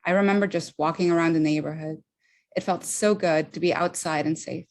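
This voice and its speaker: A woman's voice: low voice, steady tone, a little fast. Earnest Honduran-born woman giving a speech. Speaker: supervising immigration attorney. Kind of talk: prepared speech at an event.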